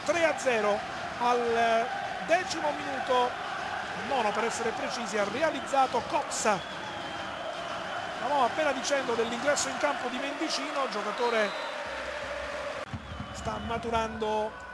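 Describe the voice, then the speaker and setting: High-pitched male football commentator, excited, stadium noise. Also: unhurried, pauses often. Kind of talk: live Italian TV football commentary.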